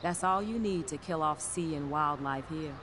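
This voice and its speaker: A woman voicing an earnest, caring science teacher in a video game, speaking in a measured, explanatory way. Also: low voice, close to an everyday voice. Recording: game audio under a livestream, with background noise.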